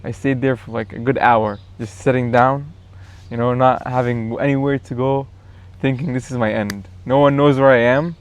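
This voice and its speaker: A man's voice: medium pitch, moderate pace. Easygoing man telling a travel story. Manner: relaxed, rambling storyteller with fillers. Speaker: guest. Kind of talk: casual storytelling chat. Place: backyard.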